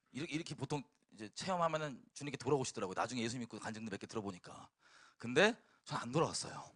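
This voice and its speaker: A man preaching, telling a personal testimony in a sermon with lively, emphatic storytelling and bursts of laughter. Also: a little high, breathy edge.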